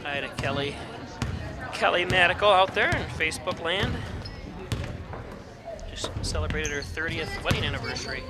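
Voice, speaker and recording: A middle-aged man doing chatty, joking commentary on a high school basketball game, rising to excited calls on big plays. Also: normal speed, long pauses. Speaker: play-by-play commentator. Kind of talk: local sports commentary. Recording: loud gym crowd noise. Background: loud crowd and bouncing basketballs.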